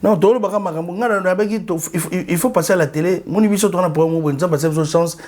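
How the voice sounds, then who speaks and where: A high-pitched, fast-talking man from Congo with a Congolese French accent speaks animatedly as an interview guest, often repeating himself. He switches between French and Lingala in casual interview talk, recorded on a studio mic.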